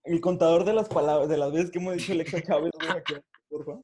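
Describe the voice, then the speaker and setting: A young man with a Mexican Spanish accent, making quick slangy wisecracks in a casual podcast chat. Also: fairly high pitch, fairly even intonation, mellow, slightly rough. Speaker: podcast co-host. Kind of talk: casual chat among friends.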